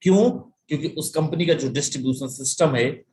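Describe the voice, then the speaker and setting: A man's voice: on the high side, brisk, darkish tone. A man presenting a live sales webinar, emphatic and full of rhetorical questions, often mixing in English phrases and calling listeners "my friend".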